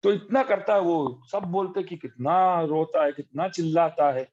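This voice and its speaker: A man delivers a devotional discourse in a high voice. He tells his stories with animation and slips into the voices of the people he quotes. The recording is dull and lo-fi. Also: normal speed, darkish tone. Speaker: religious teacher giving a discourse. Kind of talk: devotional sermon with storytelling.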